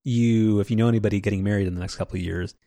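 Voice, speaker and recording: A man's voice: lowish voice, fairly even intonation, racing, dark tone, no echo. A man co-hosting a podcast, rambling casually with restarts and dry sarcasm. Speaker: podcast co-host.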